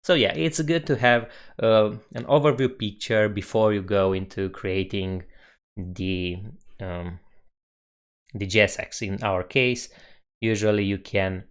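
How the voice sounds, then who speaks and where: A young man with a Romanian accent talks through his code on a live stream, slowly and in an easygoing way. His voice sits fairly low, and he muses aloud while he works at his desk mic. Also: steady tone, clean tone. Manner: unhurried, musing, reads chat aloud. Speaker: coding streamer.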